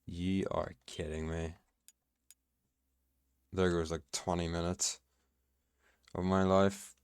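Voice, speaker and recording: A man's voice: sits low, level tone, slow, clear, resonant tone, no room sound, studio quality. A man giving casual, sweary commentary on a video game he is playing, with a sardonic, exasperated way of talking. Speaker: gamer commentating own playthrough. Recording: game music behind the voice. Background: video game music and sound.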